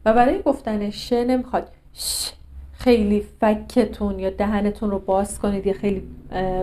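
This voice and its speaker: A woman's voice: mid-range voice, a little mellow, a little hiss or hum. A woman speech coach giving a pronunciation lesson and demonstrating sounds as she talks the viewer through them.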